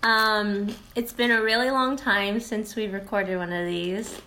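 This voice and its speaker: Young woman, podcast co-host, relaxed casual chatter, faint noise behind. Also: mid-range voice, a little slow. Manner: relaxed, chatty, laughs often.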